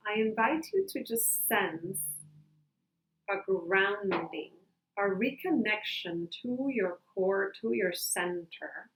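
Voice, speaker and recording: Slow, calm woman guiding a grounding meditation. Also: mid-range voice. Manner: calm, gentle, unhurried with long pauses. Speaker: meditation guide. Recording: roomy, echoing sound.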